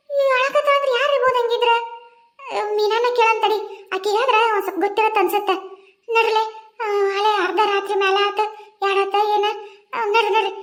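A woman voices a nosy older village woman in a North Karnataka Kannada cartoon, firing off fussing questions. Her voice is very high and rings in an echoey room.

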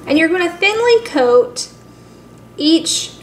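Very high-pitched and very animated yet slow, a woman hosts a cooking video, leading viewers through a simple recipe step by step. She chats casually and calls them guys; the room is echoey with faint noise in the background.

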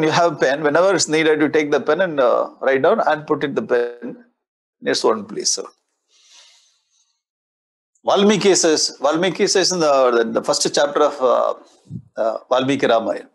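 An older man in his sixties with a South Indian accent teaches scripture in a conversational lecture style. His voice sits a little high and has a husky grain. He often repeats key phrases as he explains. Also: rough recording. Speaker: spiritual teacher. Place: indoor studio in front of a display board. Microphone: lapel mic.

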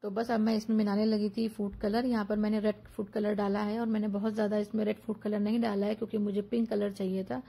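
A woman narrating her own cooking video as a voice-over, calmly explaining each step. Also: medium pitch, fast talker, creaky, hardly any pauses. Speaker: cooking vlogger.

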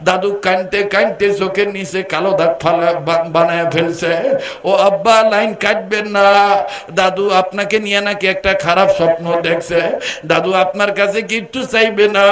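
A man's voice: high voice, fairly bright tone. A male preacher voicing a young boy who earnestly pleads with his father on the phone, in an echoey recording. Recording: echoey sound system.

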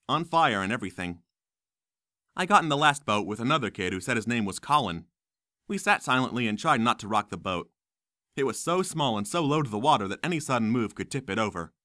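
Lively, bright-voiced man narrating. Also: medium pitch, fairly quick, dry recording, studio quality. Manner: wry, lively storytelling. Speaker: audiobook narrator. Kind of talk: first-person audiobook narration.

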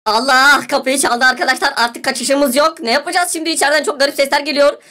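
A woman's voice: high-pitched, steady tone, quick pace, bright, forceful tone. A woman voicing an anxious, whiny boy who keeps protesting and wants to go home. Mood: worried.

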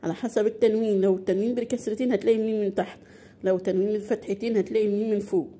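This woman's voice is medium-pitched, steady, and warm, carrying an Egyptian Arabic accent. She leads a beginner Quran recitation lesson, asking questions she answers herself and drawing out example words slowly.

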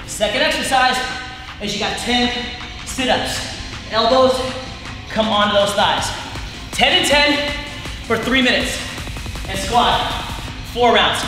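A middle-aged man coaching a workout like a barking gym coach, energetic and shouting counts and commands while he exercises. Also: very high voice. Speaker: fitness coach leading a workout. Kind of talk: workout instruction, motivational coaching. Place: large indoor training gym with turf floor. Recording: echoey gym hall, music behind.

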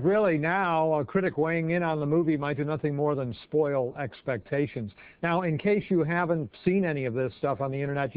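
Male TV reporter, crisp broadcast delivery. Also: medium pitch, dry recording, phone-quality sound. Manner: brisk, measured reporter delivery. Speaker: TV news reporter. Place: office newsroom with desks and computers.

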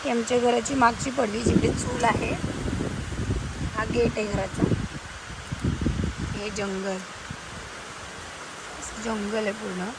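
High-voiced woman vlogging her village. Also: little pitch movement, takes it slowly, pauses often. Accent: Konkan Marathi. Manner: chatty, addresses viewers directly. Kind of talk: casual walking vlog narration. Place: outdoors around a village house with forest, in rain. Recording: noisy outdoor ambience.

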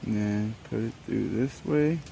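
Outdoors in a wooded yard, a product reviewer casually demonstrates an item as he unboxes it, recorded from a step or two away. His voice is fairly low, gravelly, and dark in tone, and he speaks unhurriedly. Faint outdoor noise sits in the background.

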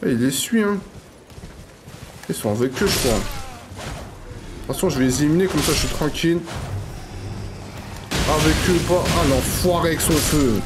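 A man giving live gameplay commentary, slangy and excitable, swearing and trash-talking enemies and repeating phrases. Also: a little high, normal speed, long pauses, loud music behind the voice. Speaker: gaming YouTuber.

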